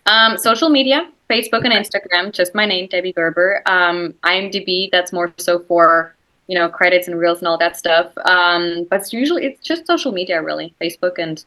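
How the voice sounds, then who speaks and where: A low-quality recording captures a fairly low, sharp-toned female voice talking fairly quickly. She is an actress and native Swiss German speaker with a matching accent, chatting casually in an interview, peppering her speech with "like" and "you know" and laughing easily.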